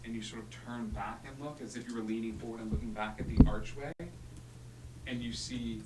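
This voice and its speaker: A man working as game master, narrating a tabletop fantasy game theatrically with dramatic pauses. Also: mid-range voice, level tone. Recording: echoey room, distant mic, humming noise.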